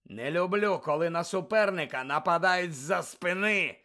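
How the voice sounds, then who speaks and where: A man's voice: very animated, slow pace, bright, forceful tone, exaggerated voice. A man doing a growling old wizard professor. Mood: gruff, roaring. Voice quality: low gravelly growl. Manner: barking, roaring commands. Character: gruff scarred old male wizard professor, fierce.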